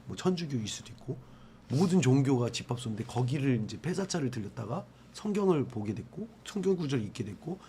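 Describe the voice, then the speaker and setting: A man's voice: mid-range voice, very animated, quick pace, warm tone, a little hiss or hum. A man hosting a ghost investigation in a casual, joking, informal way with questions and commentary.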